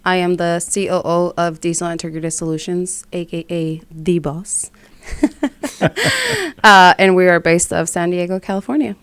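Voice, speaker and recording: A woman's voice: lowish voice, fairly even intonation, moderate pace, clean tone, no echo. A woman, a friendly interview guest who laughs easily. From Mexico (raised in Tijuana). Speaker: guest, business co-owner. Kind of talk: casual interview chat.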